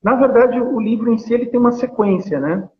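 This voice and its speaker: Paulistano man, high voice, tinny call. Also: a little fast. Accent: Paulistano Brazilian Portuguese. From São Paulo, Brazil. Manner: hesitant, many fillers and tag questions. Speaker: poet being interviewed. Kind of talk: casual interview over a video call. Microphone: video call. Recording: tinny phone-like call audio.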